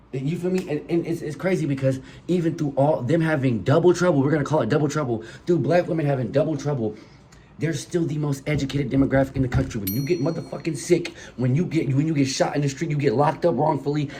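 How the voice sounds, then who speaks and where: His voice sits on the high side with a dark tone, over slight background noise. The young podcast host, sniffling through a cold, preaches passionately and profanely into a phone mic in a colored-light room for his solo monologue.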